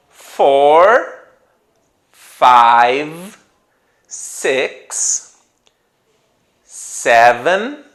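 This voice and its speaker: A man's voice: high voice, a bit bright. A man who speaks Portuguese as his first language, teaching English pronunciation patiently and stressing each example word. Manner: patient, drawing out example words with emphasis. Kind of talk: explaining English pronunciation to viewers.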